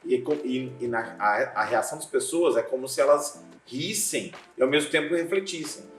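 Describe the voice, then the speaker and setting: A man with a deep voice talks casually on a podcast, telling stories with a playful, animated delivery. He is a pastor and teacher. The room sounds roomy, and faint music plays underneath. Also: normal speed. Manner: lively storyteller, acts out scenes, laughs often. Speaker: seminary professor and pastor, guest.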